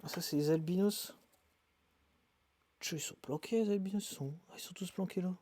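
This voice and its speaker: Mellow man chatting over his bugs. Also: sits high. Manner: relaxed, muttering asides, quick bursts of excitement. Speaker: live streamer showing his isopods. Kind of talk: casual live-stream chat while handling animals.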